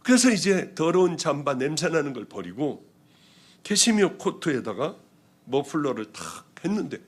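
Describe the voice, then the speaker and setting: A male pastor preaching a testimony sermon, telling his story with lively acted-out quotes that swing from loud outbursts to hushed whispers. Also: fairly high pitch, normal speed, breathy edge. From South Korea.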